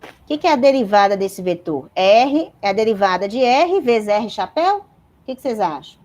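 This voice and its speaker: A woman's voice: medium pitch, expressive, moderate pace, darkish tone. A woman giving a university physics lecture, explaining step by step and checking in with her students.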